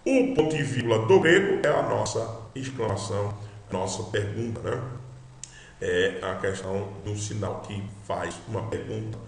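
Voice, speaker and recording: A man's voice: on the low side, a little hiss or hum. Roomy-sounding man teaching. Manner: explanatory, repeats words slowly, checks in with listeners. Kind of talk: recorded video lesson. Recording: roomy echo.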